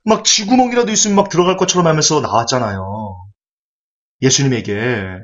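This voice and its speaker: A man preaching a sermon in an animated, rhetorical way, acting out quoted voices as he goes. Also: medium pitch, fairly quick. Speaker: pastor. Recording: dull lo-fi recording.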